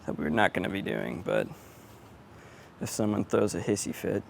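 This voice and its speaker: A man with a low, sing-song voice talks at a moderate pace while setting up gear as a sound engineer in a print shop. His casual vlog chatter is offhand, often muttered to himself, over clear background noise and room ambience.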